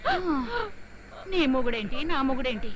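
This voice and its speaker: An actress playing a worldly, cynical aunt in a film, making knowing, sighing remarks. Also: female voice, high-pitched, animated, a little slow, highs cut off, a crowd in the background. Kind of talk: film acting.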